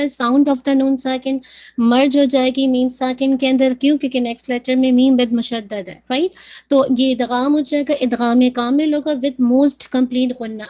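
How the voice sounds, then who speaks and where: A woman teaching Quran recitation, patiently demonstrating sounds slowly and repeating them. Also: sits high, a little mellow. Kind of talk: tajweed lesson, mixing Urdu and English.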